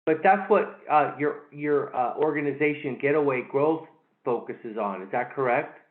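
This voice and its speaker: A man hosting an interview, talking haltingly with many fillers and repeated words. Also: medium pitch. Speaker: interview host. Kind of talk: casual interview. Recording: echoey, tinny phone-like line.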